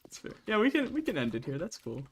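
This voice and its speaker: A young man in casual chat while playing a game, talkative and quick to laugh, acting out little quoted voices. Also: sits high, huge pitch swings, a bit bright, husky. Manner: chatty, laughs often, acts out quoted voices. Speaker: streamer guest.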